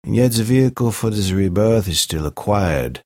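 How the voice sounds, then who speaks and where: A man playing a grave, philosophical narrator in scripted ad narration, speaking solemnly and deliberately. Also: on the low side, lively intonation, darkish tone, no echo, voice pushed down, natural voice.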